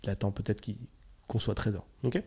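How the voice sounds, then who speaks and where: A man's voice: lowish voice, steady tone, brisk, gravelly, dark tone, breathy edge. A young man hosting a podcast, talking in a casual, slangy monologue and acting out his own inner voice. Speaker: podcast host.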